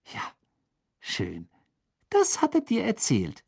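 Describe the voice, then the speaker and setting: An audiobook reader voicing an angry, jealous teenage boy wizard in a high, accusing voice. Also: big pitch swings, fairly quick, breathy edge. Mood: jealous anger. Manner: raised, accusing, sneering.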